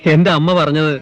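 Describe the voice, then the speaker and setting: A man's voice: fairly high pitch, lightly acted. An actor playing a young man who teases his sweetheart in a playful way.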